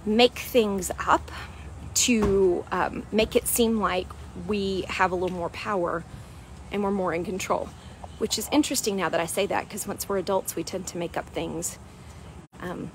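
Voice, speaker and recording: Walking and talking at a beach park, this weight loss coach speaks at normal speed in a medium-pitched voice with fairly even intonation, sprinkling in "right?" and "um." The audio is poor, with a little hiss or hum, recorded on a wired earphone mic with the phone at arm's length.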